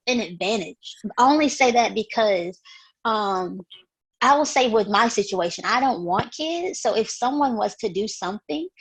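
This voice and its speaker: Casting: woman, slightly high husky voice, blunt and challenging in loose conversational debate. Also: rough recording. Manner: blunt, challenging, swears freely. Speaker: talk show panelist. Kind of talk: casual debate chat.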